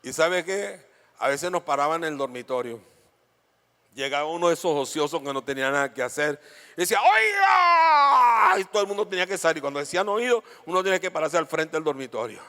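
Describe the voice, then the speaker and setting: A pastor preaches to his congregation, mixing stories with quick questions to the room. His voice sits high for a man and sounds bright and forceful. A long hall reverb trails his words. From Venezuela. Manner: lively storytelling with questions to the congregation. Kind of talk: sermon. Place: church auditorium.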